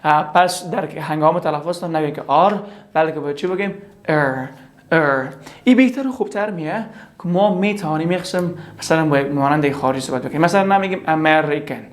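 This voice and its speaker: A pronunciation teacher, repeating each English word slowly two or three times in a drill lesson. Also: mid-range voice.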